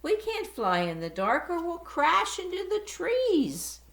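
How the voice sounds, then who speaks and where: A woman's voice: extremely high pitch, slow pace, pitched above the performer's own voice, exaggerated voice. Stellaluna, a woman doing a young bat. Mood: worried. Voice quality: lively, storybook-animated. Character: young female fruit bat, earnest and curious. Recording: roomy echo.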